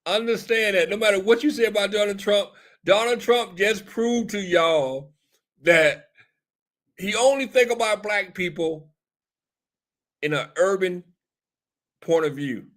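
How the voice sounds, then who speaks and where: A man's voice: high-pitched, unhurried, long pauses, fairly bright tone. A tipsy man hosting casual political commentary, laughing and rambling, repeating himself often. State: a little tipsy. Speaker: show host.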